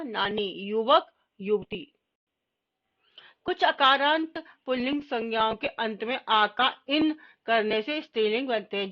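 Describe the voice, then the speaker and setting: A woman's voice: on the high side, dull audio. Woman teacher explaining word lists. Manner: explains by asking and answering her own questions. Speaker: school Hindi teacher. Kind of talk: grammar lesson, reading out word lists.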